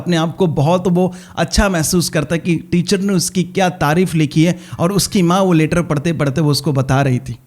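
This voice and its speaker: A male pastor preaching in a fairly high voice. He is earnest and tells stories, and he leans on repeating key phrases to drive each point home. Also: a little mellow. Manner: earnest preaching with repetition and storytelling. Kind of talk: sermon.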